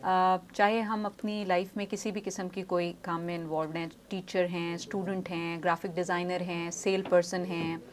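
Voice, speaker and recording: Studio interview में एक महिला स्पीच पैथोलॉजिस्ट, जो उदाहरण देकर धीरे-धीरे समझाती है और बीच-बीच में अंग्रेज़ी वाक्यांश बोलती है।. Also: female voice, lowish voice, flat delivery, moderate pace, few pauses, slight background noise. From Pakistan. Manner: explanatory, uses examples, mixes English phrases. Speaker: speech pathologist guest. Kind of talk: studio interview, explaining. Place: news studio.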